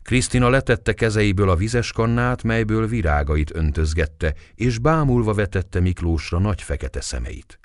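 A man reading a classic novel aloud as scripted narration, with expressive storytelling. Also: on the low side, few pauses, no echo, studio quality. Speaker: audiobook reader.

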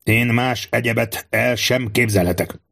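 A man's voice: medium pitch, vocal fry, fairly bright tone. A man voicing Balafré, a boastful, grumbling middle-aged guardsman, in an audiobook reading.

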